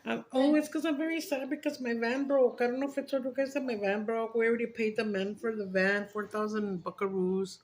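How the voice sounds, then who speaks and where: A woman's voice: on the high side, fairly even intonation, fairly quick, hardly any pauses, darkish tone, slight background noise. A woman with a Chicano English accent chats casually and candidly to her viewers, rambling with some swearing and slipping between English and Spanish. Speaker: mukbang vlogger. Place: small dining and living room at home.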